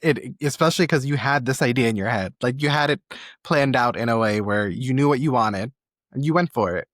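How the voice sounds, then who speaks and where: A man's voice: mid-range voice, fairly quick, a bit bright, no echo, clean studio sound. A man hosting an interview podcast, asking curious, encouraging questions. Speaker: podcast host.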